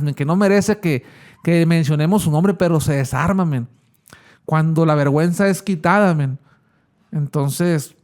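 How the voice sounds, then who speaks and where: Man, slangy personal testimony, slightly high voice. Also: darkish tone. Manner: casual slangy storytelling. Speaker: interview guest.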